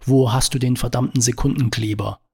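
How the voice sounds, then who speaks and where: Panicky clumsy guy, man reading, gravelly husky sound. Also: medium pitch, steady tone, fairly quick, dark tone. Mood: flustered. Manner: flustered, blunt.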